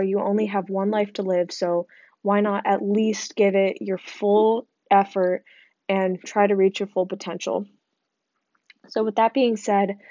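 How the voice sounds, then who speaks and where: A woman's voice: mid-range voice, mellow, no room sound. A young woman hosting a podcast who gives frank, chatty advice full of fillers and sounds tired. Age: young adult. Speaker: podcast host. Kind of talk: casual advice monologue. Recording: dry, slightly dull sound.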